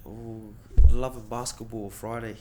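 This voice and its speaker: A man's voice: mid-range voice, level tone, measured pace, mellow, a little hiss or hum. A man with a broad New Zealand accent chatting casually as an interview guest, in laid-back blokey slang with repeated phrases. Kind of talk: casual chat.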